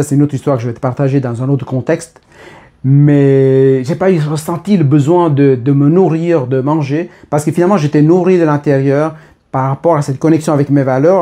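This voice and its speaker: A man's voice: on the high side, steady tone, a little fast, mellow. A man in his thirties talking casually and spontaneously to camera, rambling with many fillers and restarts. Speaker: vlogger.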